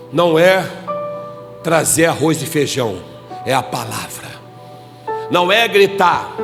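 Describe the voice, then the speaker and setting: A man preaching a fervent sermon as pastor, rising to shouted climaxes and dropping to hushed pleading. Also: on the high side, vocal fry. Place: church hall. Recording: reverberant church hall with music behind.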